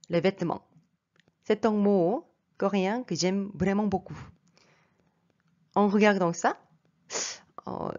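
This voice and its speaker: Slow, patient woman teaching vocabulary. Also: medium pitch, darkish tone. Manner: patient, explains step by step and repeats each word slowly. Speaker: language teacher. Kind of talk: vocabulary lesson. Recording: dull lo-fi sound.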